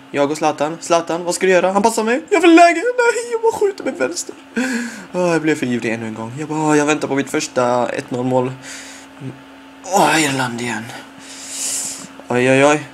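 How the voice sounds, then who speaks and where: A young man commentating his own football game play, excitable and full of repeated exclamations. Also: a little high, a little hiss or hum. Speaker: gamer.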